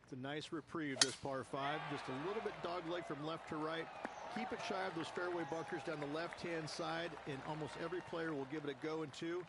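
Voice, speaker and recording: Higher-voiced male golf analyst over loud noise. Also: steady tone, fairly quick. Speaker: golf commentator, course analyst. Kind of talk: explanatory golf commentary in a video game. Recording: loud ambient noise behind.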